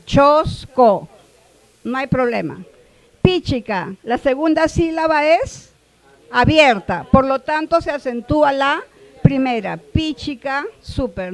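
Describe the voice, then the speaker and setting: Slow, high-voiced woman teaching. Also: low-quality recording. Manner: checks in often with the class, repeats words slowly. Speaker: workshop instructor. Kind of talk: classroom explanation.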